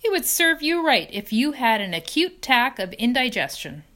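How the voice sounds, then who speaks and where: A woman's voice: a little high, sing-song, moderate pace, sharp tone, pitched above the performer's own voice. A woman voicing a wise female spider who scolds firmly, reading a storybook. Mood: scolding. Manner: scolding, firm.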